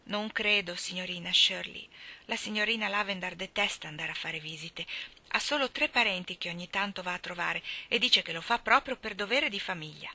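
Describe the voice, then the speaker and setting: A woman's voice: mid-range voice, brisk, bright, forceful tone. A woman voicing an anxious, devoted young maid girl, speaking earnestly and in a worried rush.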